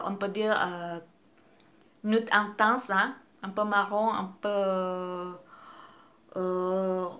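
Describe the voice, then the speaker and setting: Slow, hesitant woman reviewing makeup. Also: mid-range voice, fairly bright tone. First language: not French. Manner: hesitant, many fillers and restarts. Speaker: beauty vlogger. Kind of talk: casual product review.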